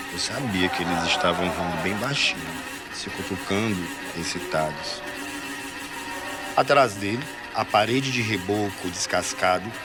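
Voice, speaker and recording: A man with a Brazilian accent reading a literary short story aloud in a measured, expressive way. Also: sits low. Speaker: story reader.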